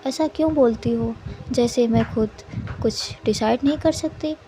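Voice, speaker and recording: A woman's voice: fairly high pitch, moderate pace, close to an everyday voice, poor audio. A woman voicing a young woman office worker who speaks plainly and directly. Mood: direct questioning.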